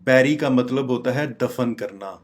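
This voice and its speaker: A man teaching English pronunciation, repeating each word slowly several times. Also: mid-range voice.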